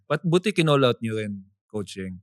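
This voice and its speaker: A man co-hosting a basketball podcast, agreeable and quick with short backchannels. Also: mid-range voice, very animated, dry recording, clean studio sound. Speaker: podcast co-host. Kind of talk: casual podcast chat.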